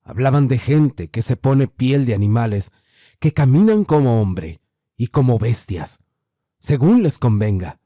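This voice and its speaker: A man voicing an older rural mountain man, grave and wary, speaking slowly and low. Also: sing-song, dark tone, no echo, clean studio sound. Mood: grave warning.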